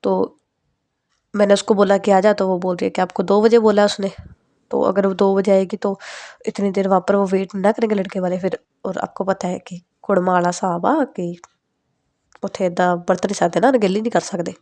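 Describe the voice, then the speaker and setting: A woman's voice: medium pitch, steady tone, normal speed, dark tone, dry recording, close to an everyday voice. A woman voicing a nagging middle-aged mother, insistent and scolding. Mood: chatty.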